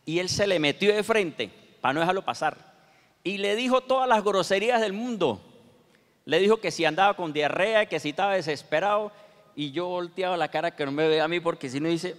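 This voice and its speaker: A man's voice: high-pitched, a bit bright. A man preaching a sermon, telling stories and asking himself rhetorical questions. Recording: long hall reverb.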